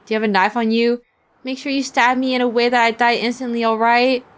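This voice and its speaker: A young woman streaming a visual novel, reading its text aloud in an animated, giggly way and swearing freely. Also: a little high, brisk, clean tone.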